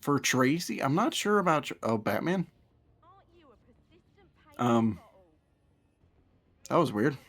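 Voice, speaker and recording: Gravelly young man commenting on a game. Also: mid-range voice, sing-song, slow, pauses often. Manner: chatty, laughing, frequent restarts. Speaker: gaming channel co-host. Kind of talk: casual gameplay commentary.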